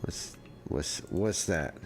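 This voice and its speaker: A man giving casual commentary while playing a fantasy role-playing game, thinking aloud in a relaxed, offhand way. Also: low voice, slow, a little hiss or hum.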